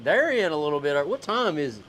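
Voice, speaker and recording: A man announcing catches at an outdoor fishing weigh-in, loud and chatty. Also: a little high, big pitch swings, fairly quick, slight background noise. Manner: loud, chatty, coaching others. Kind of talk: live weigh-in commentary.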